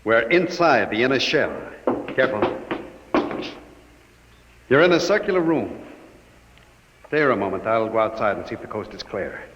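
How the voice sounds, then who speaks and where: An actor playing a calm, secretive man who reassures and commands a nervous companion, in 1950s radio drama style. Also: medium pitch, normal speed, pauses often, lightly acted. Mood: reassuring. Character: calm, secretive man leading a captive into hiding. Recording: dull, noisy old radio recording.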